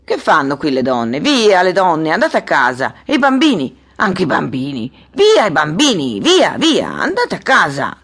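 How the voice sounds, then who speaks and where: A man's voice: on the high side, sing-song, moderate pace. A woman reading an audiobook, voicing an irritable middle-aged male official who barks orders. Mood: impatient. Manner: brusque, shouting orders.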